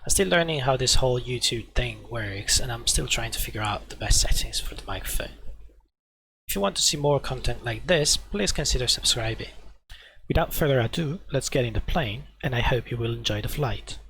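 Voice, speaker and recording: A man hosting a flight simulator video, explaining calmly in pilot terms, his volume uneven and his microphone cutting out now and then. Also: medium pitch, brisk. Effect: uneven volume, mic cutting out now and then. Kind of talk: narrated flight simulator walkthrough. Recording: loud background hum and noise.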